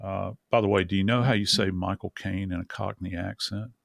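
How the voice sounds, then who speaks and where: A man's voice: low voice, steady tone, brisk, creaky, no room sound, studio quality. A man, co-hosting a true crime podcast, talking earnestly with many restarts. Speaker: forensic expert co-host.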